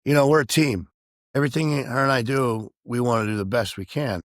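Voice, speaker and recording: A man co-hosting a podcast, talking candidly and emotionally about his own past behavior, halting and self-reflective. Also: medium pitch, no echo, clean studio sound. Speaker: podcast co-host. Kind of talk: candid personal conversation.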